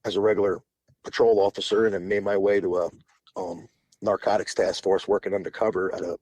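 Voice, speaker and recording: There's no room sound on this low, darkish male voice, which moves briskly with little pitch variation. The speaker, in his forties, is a podcast guest spinning long, casual stories, often restarting and laughing between phrases.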